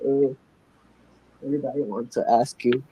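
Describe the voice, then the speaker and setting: This caller, a young Czech man, chats casually on a live stream, stumbling through questions about his aquarium with fillers and restarts. He has a warm, husky, medium-pitched voice, fairly even and a little slow, heard in a low-quality recording.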